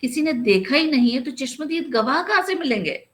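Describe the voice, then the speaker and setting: A woman's voice: high voice, big pitch swings, fairly quick, pitched above the performer's own voice. A woman voicing a bewildered male police chief who asks puzzled questions.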